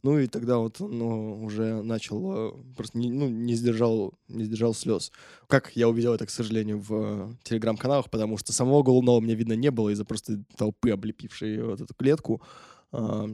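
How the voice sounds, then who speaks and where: A man's voice: fairly low pitch, fairly even intonation, brisk, warm tone, dry recording, clean studio sound. A man, a correspondent, recounting events in casual talk, hesitant with many filler sounds and restarts. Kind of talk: casual spoken recollection.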